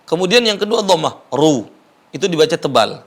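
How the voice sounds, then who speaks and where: A man with an Indonesian accent, teaching Quran recitation slowly and patiently, repeating sounds for viewers to copy. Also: on the high side, very animated. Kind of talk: Quran recitation lesson with chanted verses. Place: studio.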